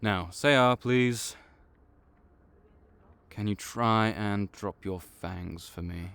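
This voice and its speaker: A man with a smooth, lowish voice plays a calm, bureaucratic vampire counselor who has done the job for decades in an audio roleplay. He speaks in a measured, clinical way, patiently reassuring.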